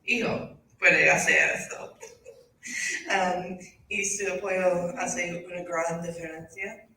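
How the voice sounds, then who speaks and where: A woman, a school principal and native English speaker, addresses a parent meeting in halting learner's Spanish with an American accent. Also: lowish voice, steady tone, creaky, pushed and bright. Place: indoor school meeting room. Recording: echoey room, distant mic, faint noise.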